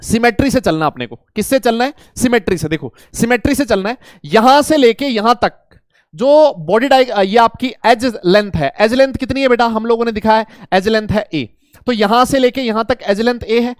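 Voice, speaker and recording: A man teaching chemistry to a class, animated, repeating key points and coaxing and scolding students. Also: very high voice, moderate pace, clear, resonant tone, no echo, clean studio sound. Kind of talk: classroom lecture.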